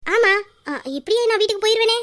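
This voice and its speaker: Woman as a feisty young wife, very high girlish voice, sassy muttering. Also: level tone, quick pace, fairly bright tone. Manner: sassy and defiant, muttering asides. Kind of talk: audio drama acting.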